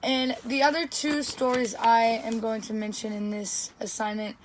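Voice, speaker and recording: A woman's voice: a little high, level tone, normal speed. A young woman with a sore, scratchy throat giving a hesitant class oral report, with frequent ums and restarts. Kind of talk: class presentation.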